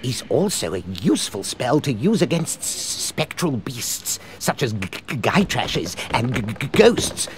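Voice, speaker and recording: An English actor playing a nervous, timid wizard professor in a video game, with a heavy, jittery, halting stutter. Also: male voice, mid-range voice, big pitch swings, slight background noise. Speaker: teacher.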